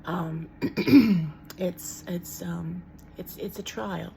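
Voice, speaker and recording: Rambling middle-aged woman with a mellow low voice. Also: extremely slow, gravelly, a little hiss or hum. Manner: rambling and frank, many ums and restarts. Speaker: vlogger. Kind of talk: casual chat to camera.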